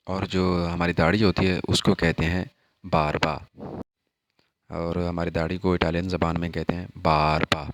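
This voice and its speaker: A man giving a casual language lesson, slowly repeating vocabulary and its meanings. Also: sits low, fairly bright tone, dry recording. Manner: slow repetitive word drills. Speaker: language teacher.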